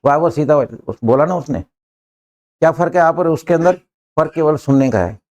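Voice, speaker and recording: An older man teaching an English class in a classroom, brisk and joking, pushing students to answer quickly. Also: fairly high pitch, darkish tone.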